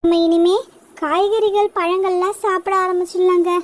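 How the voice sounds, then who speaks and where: A woman's voice: very high-pitched, level tone, moderate pace. Woman doing a kind, caring young wife. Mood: gentle pleading. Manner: gentle, pleading.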